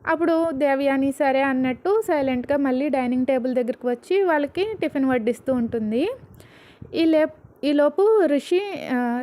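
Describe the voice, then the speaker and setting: A woman's voice: sits high, a little mellow. A young woman retelling a serial story in a chatty, casual way, addressing listeners with asides and jokes.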